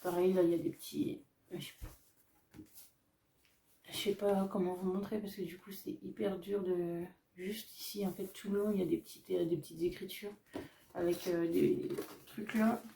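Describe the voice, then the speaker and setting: A woman vlogger casually showing off her craft shopping haul, chatty and hesitant, often pausing on fillers as she describes each item. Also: fairly low pitch, fairly even intonation, creaky, warm tone, far from the mic. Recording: echoey room, voice off-mic.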